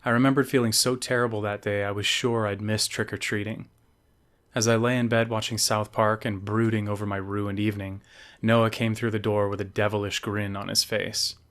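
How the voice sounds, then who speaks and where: A man, the author, reading his own novel aloud as measured scripted narration. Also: on the low side, little pitch movement, fairly bright tone.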